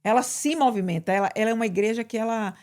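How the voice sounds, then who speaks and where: Animated woman pastor, Brazilian Portuguese. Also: fairly high pitch, quick pace. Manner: animated, bursts into emphatic quoted prayers. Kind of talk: conversational preaching.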